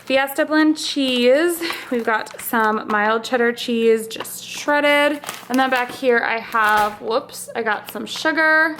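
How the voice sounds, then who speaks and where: A young woman talks through her groceries in a casual, upbeat vlog style, scattering "like" and "um" as she goes. Her voice sits a bit high for a woman, and she sounds slightly short of breath. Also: takes it slowly, fairly bright tone, slight background noise. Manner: chatty, upbeat, lists items with fillers like "like" and "um". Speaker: vlogger. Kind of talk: casual grocery haul narration.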